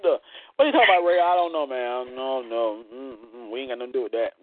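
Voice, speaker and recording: A man hosting a casual live internet radio show, playful and loud, full of "y'all" and laughter. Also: medium pitch, expressive, fast, slight background noise. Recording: tinny phone-like line.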